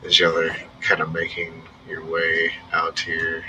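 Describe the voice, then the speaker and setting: A man's voice: deep voice, completely flat delivery, measured pace, lo-fi sound, background noise. A man running a tabletop game as game master, narrating casually.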